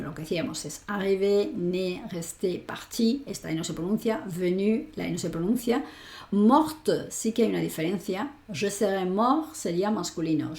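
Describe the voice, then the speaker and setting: A woman's voice: lowish voice, gravelly, dark tone, reverberant. A woman who speaks Spanish natively, teaching French grammar in an online lesson, patient and step by step, checking in often. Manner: patient, explains step by step with frequent "¿vale?".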